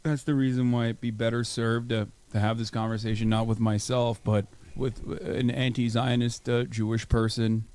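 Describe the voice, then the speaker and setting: A man in a talk show debate, making his case in a measured, earnest way. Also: medium pitch, little pitch movement, darkish tone, smooth.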